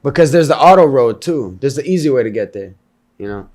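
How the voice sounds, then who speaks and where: A man's voice: medium pitch, lively intonation, brisk, a little mellow. A man in a casual chat, recounting a hike in slangy, filler-heavy speech. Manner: slangy, filler-heavy, says "bro" and "you know". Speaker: hiker recounting a climb.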